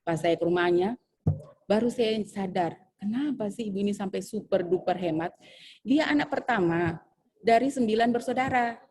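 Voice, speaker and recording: A woman teacher, telling a personal story in a chatty, animated way during a training session. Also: medium pitch, moderate pace, slightly rough. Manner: animated, chatty, full of fillers. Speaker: civil service trainee.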